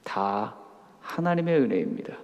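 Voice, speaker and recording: A man's voice: medium pitch, expressive, moderate pace, a little mellow, highs cut off. A middle-aged man preaching a sermon as a pastor, telling humorous stories and acting out the dialogue. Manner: storytelling with humor, acts out quoted dialogue. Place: camp meeting hall. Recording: hall reverb.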